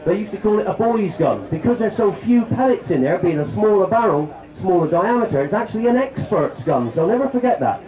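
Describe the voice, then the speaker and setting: A fairly high-voiced man talks straight to a crowd at an outdoor show, chatty and full of jokes. The sound is echoey and dull, like a public address at a fair. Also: expressive, brisk, few pauses, dark tone. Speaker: shooting demonstrator. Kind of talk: outdoor live demonstration talk. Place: outdoor country show, on a stand.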